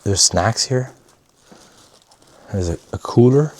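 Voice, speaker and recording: A man with a fairly low, darkish voice speaks slowly but expressively, hosting an urban exploration vlog from the tunnels and corridors under an abandoned building. He addresses viewers casually, slangy and sweary, on a noisy handheld recording.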